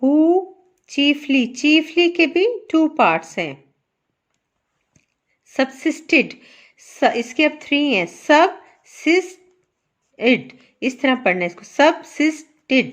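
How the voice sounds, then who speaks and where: A woman teacher with a Pakistani accent, explaining a lesson slowly and counting out syllables with care. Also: high-pitched, lively intonation. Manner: slow, careful, spells out syllables and counts aloud. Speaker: English teacher. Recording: dull lo-fi sound.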